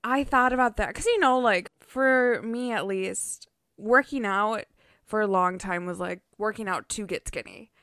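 A young woman in her twenties talks in a loose, animated way, piling up fillers as she goes. Her voice sits at an ordinary middle pitch. The sound is close and dry, with no room around it. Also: unhurried, dry recording. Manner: chatty, animated, lots of fillers and laughs. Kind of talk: casual chat.

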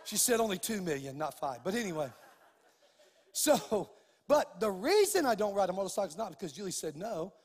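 A man preaching a sermon as pastor, telling stories and building to loud, emphatic declarations. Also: sits high, sing-song, fairly quick, in a large hall.

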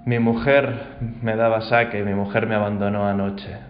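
A heartbroken drunk laborer , as a male narrator gives him voice, speaks quietly in despair. His voice sits low, and the sound is roomy and slightly dull. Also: little pitch movement, moderate pace, faint music behind, close to an everyday voice.

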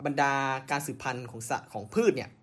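A man's voice: mid-range voice, fairly even intonation, fast, fairly bright tone, slightly rough. A man hosting a podcast, telling science history in a casual way, with many fillers and self-corrections. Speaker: podcast host.

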